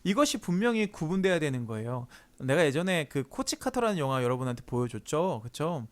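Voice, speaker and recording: A man's voice: on the high side, a little fast. A man preaching a conversational youth sermon as a pastor, telling stories and acting out quoted voices. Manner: animated storytelling, acts out quoted voices.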